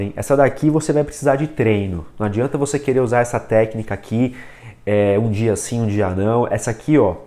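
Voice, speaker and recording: A man's voice: mid-range voice, mellow. A man giving a casual video lesson on reading, talking straight to the viewer and demonstrating with a book and pen. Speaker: reading coach.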